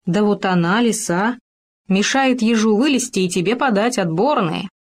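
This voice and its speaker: A woman voicing a calm, clever male hamster in a storybook, eager and peaceable. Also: mid-range voice, normal speed, natural voice.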